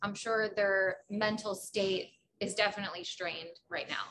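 A woman's voice: medium pitch, steady tone, unhurried, fairly bright tone, slight background noise, rough recording. A woman co-host chiming in during a casual interview.

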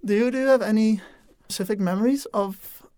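On a student podcast, a young Dutch woman with a Dutch accent, a native speaker from the Netherlands, chats casually and thoughtfully as an international exchange student. Her medium-pitched voice is brisk and mellow on a dry recording, and she hesitates often, with many "um"s and restarts.

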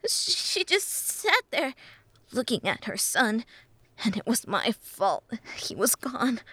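A woman's voice: fairly high pitch, very animated, takes it slowly, pushed and bright, husky, no echo, pitched above the performer's own voice, full character voice. A woman voicing a frightened, guilt-ridden small male imp who stammers and pleads. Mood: anxious.

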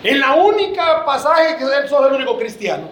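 A man's voice: very high voice, lively intonation, moderate pace, fairly bright tone, roomy sound. A man preaching a sermon to his church, joking and calling his listeners brother.

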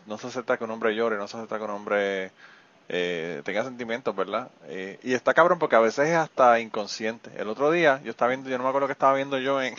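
A man's voice: medium pitch, a bit bright, no room sound. A man hosts a candid podcast conversation, speaking frankly and thoughtfully with casual swearing. The sound is dry and a little dull, with no room around it. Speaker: podcast host. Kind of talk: candid interview chat.

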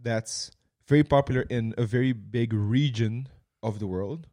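A young man from Curaçao, co-hosting a casual chat, animated and playful, swearing freely. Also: mid-range voice, moderate pace. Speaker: podcast co-host.

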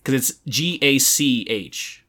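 A young adult man hosts a casual video game podcast. He rambles, starts sentences over and fills gaps with "like" and "uh," his voice sitting in an ordinary middle pitch. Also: expressive, slow pace, pushed and bright. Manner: rambling, many restarts and fillers. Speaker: podcast host.

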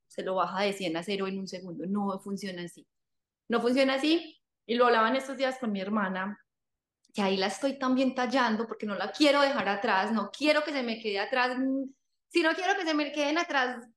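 A woman, a guest telling her story in casual conversation, repeating phrases for emphasis. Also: on the high side. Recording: echoey room.

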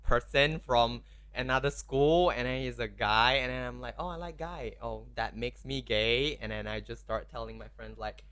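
Man in his 20s from Malaysia, podcast guest, bright crisp voice, open casual talk. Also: medium pitch, moderate pace. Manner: open, frank, says "like" often.

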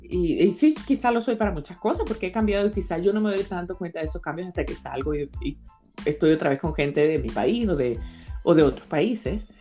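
A woman's voice: lowish voice, lively intonation, brisk, warm tone, soft background music. A woman from Venezuela with a Venezuelan accent, chatting casually and laughing often. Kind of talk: casual chat.

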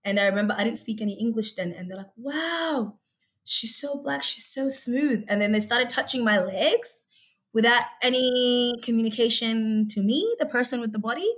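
A young woman raised in Australia, speaking as an interview guest in a reflective, thoughtful way with frequent pauses and ums. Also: a little high. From born in Egypt, raised in Australia. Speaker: guest, researcher and youth activist.

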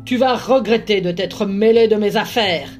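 A woman's voice: mid-range voice, moderate pace, darkish tone, soft background music, natural voice. A woman doing a gloating vampire villain. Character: menacing gloating male vampire.

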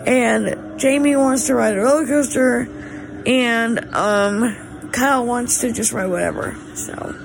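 A Southern American woman talks casually to her vlog viewers in a fairly high voice. Her delivery is slow, drawling and folksy, with encouraging words. The handheld recording carries clear background noise and vehicle rumble. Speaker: family vlogger.

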